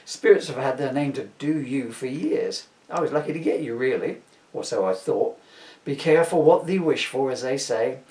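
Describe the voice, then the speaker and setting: A man's voice: medium pitch, darkish tone, natural voice. A man voicing a sardonic, henpecked, foul-mouthed Christmas ghost in a comic audiobook, rambling and complaining in mock-archaic words. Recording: roomy, echoey, distant microphone.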